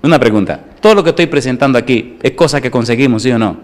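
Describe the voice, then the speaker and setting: A man's voice: medium pitch, fast. A middle-aged man from Latin America, a pastor telling funny stories in a sermon and putting questions to his listeners. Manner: animated storytelling, asks the audience questions. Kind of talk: humorous sermon with anecdotes.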